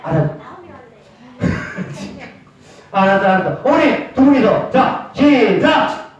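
A man leading seniors through a group game, giving brisk, repetitive instructions and calling out cues. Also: high-pitched, sing-song. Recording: echoey dull room from far off.

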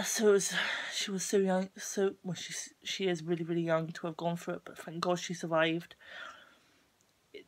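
A young English woman vlogging casually to camera, halting and soft-spoken with a stuffy, bunged-up nose. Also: fairly low pitch. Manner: halting, soft-spoken, full of ums and restarts. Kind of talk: casual talking-to-camera vlog.

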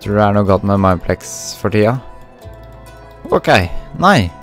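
A young man talks through his gameplay in a chatty, self-mocking way, dropping English slang as he goes. His voice sits fairly low, and soft game music plays quietly behind him. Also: sing-song. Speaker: gaming YouTuber. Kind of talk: casual gameplay commentary. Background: faint game music.

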